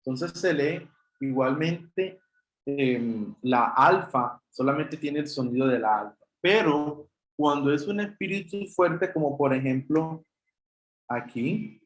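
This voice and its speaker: A man's voice: on the high side, slow pace, roomy sound, low-quality recording. A man teaching an online Greek class, explaining patiently step by step and addressing students as brothers, with a Chilean Spanish accent.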